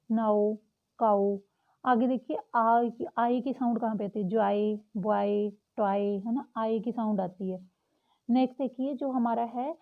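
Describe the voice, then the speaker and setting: A young woman teaching a lesson, patiently repeating example words slowly. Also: a little high. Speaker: English teacher. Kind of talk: explaining a lesson. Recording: tinny phone-like audio.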